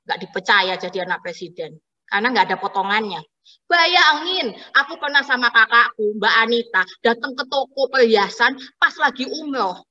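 Woman stand-up, bright and fairly high, wry satirical grumbling, slightly dull lo-fi sound. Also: normal speed, long reverb tail. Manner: wry, mock-complaining, acts out voices in her stories. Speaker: stand-up comedian.

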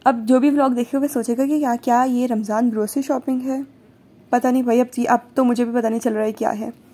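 A woman's voice: a little high, steady tone, brisk, warm tone, breathy edge. A young woman from Pakistan chatting casually through her shopping vlog, with joking asides. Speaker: vlogger. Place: large supermarket, indoors.

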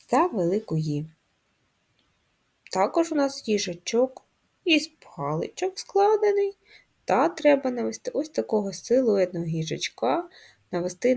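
A woman primary school teacher, who gives slow, clear lessons to young children in a patient, sing-song manner, asking questions and spelling out sounds one by one. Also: mid-range voice, a little mellow.

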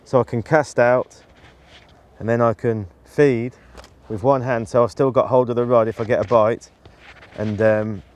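A man in his forties talks through his tackle in a practical, explanatory way and often restarts his sentences. He is outdoors on a riverbank and recorded close on a lapel mic. His voice sits at an ordinary middle pitch. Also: steady tone, unhurried, a little mellow. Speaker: match angler demonstrating tactics. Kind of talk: instructional talk to camera.

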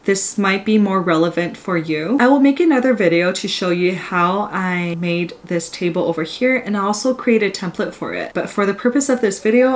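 Upbeat young woman explaining study notes. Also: mid-range voice. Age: young adult. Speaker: pharmacy student vlogger. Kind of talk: study tips screen walkthrough.

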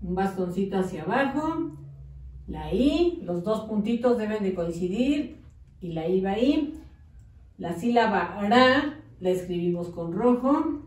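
A woman teaching a slow early-literacy lesson, drawing out syllables and coaxing children to follow along. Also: medium pitch, animated, a little mellow. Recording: echoey room, mic at a distance.

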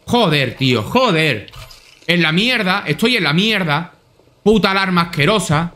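A young man with a Spanish accent from Spain commentating his gameplay to himself, excitable and swearing freely. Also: high voice, measured pace. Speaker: gameplay streamer.

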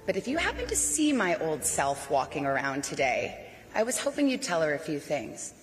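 A woman from Arizona in her forties delivers a warm, playful and rousing commencement speech from a podium mic in a large outdoor graduation tent. Her deep voice swings hugely in pitch at a moderate pace, with big-room sound and music in the background.

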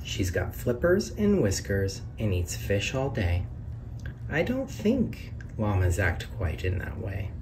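A man reads a children's picture book aloud in a sing-song way, his voice rising on each question and reveal. It sits on the low side, swings hugely in pitch and moves slowly. A camera looks down on the book and his hands on the pages, and he is far from the mic with background noise.

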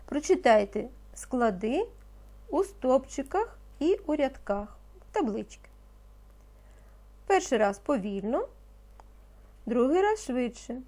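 A woman teaching a reading lesson to young children, speaking slowly and patiently and pronouncing each word with care. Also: high voice, sing-song, warm tone. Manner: slow, patient, encouraging, pronounces words carefully. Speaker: primary school teacher.

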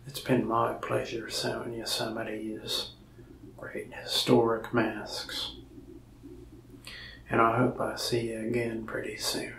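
In this soft-spoken ASMR roleplay, a man portrays a friendly, lonely mask seller, slow and gravelly with many whispered passages. His mid-range voice is monotone, captured on a distant mic in a roomy small space with masks on the wall, giving a rough recording with slight background noise.

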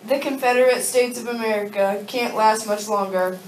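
A sock-puppet leader, played by a young woman in an amateur show, reciting stiffly. The voice is fairly high and comes from off the mic in a very echoey room. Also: moderate pace, close to an everyday voice. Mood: commanding, grave. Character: sock-puppet Confederate leader, commanding interviewer. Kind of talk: amateur puppet-show role-play, scripted. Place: darkened room with projection screen, puppeteers low at front. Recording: echoey room, distant mic, faint noise.

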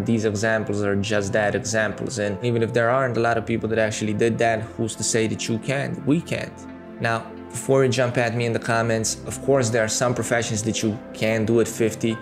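This is a somewhat low-voiced man in his thirties, a YouTuber with a Serbian accent, giving a casual talking-head monologue from a small room at home. He talks to camera candidly and conversationally, with many fillers, positioned close to a studio mic on a boom arm.

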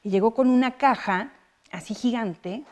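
A woman's voice: fairly high pitch, normal speed. A middle-aged woman with a Mexican accent, an actress and guest in a casual interview, telling family stories with lots of filler phrases. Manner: chatty storytelling, frequent filler phrases.

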